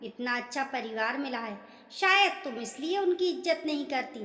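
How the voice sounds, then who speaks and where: A middle-aged mother, scolding and insistent, her voice high and sharp, as a woman narrator puts her on. The recording has a roomy echo and a long reverb tail. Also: expressive, normal speed. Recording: echoey room with long reverb.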